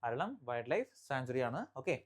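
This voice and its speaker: With a medium-pitched, sing-song delivery, a teacher from Kerala runs a current affairs session for exam takers. The teacher keeps repeating core facts, checks in with listeners regularly, and reads English headlines slowly before breaking them down.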